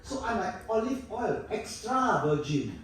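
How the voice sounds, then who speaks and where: A man's voice: high voice, sing-song, a little slow, a bit bright, distant mic, slight background noise. A man in his sixties with a Singaporean English accent, doing live stand-up on a theatre stage and teasing the audience playfully. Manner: playful, teasing banter with the audience, bursts of laughter. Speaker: stand-up comedian. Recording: echoey hall, mic picked up from afar.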